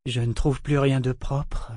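A man's voice: medium pitch, level tone, measured pace, a little mellow, no echo, clean studio sound, close to an everyday voice. A man voicing a young woman who pleads in a breaking voice. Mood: teasing. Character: young woman, distraught then pleading and tender.

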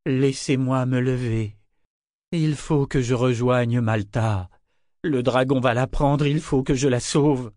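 A man voicing a drunk, exhausted grown man who pleads in a slurred, drawn-out way. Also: mid-range voice, a little mellow, no room sound, studio quality, close to an everyday voice. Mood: desperate.

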